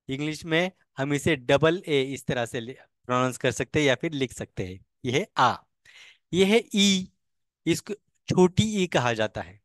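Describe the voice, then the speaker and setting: A man's voice: fairly high pitch, a bit bright, no room sound, clean studio sound. A man teaching a beginner language class, patiently repeating each vowel sound and key point. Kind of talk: online language lesson.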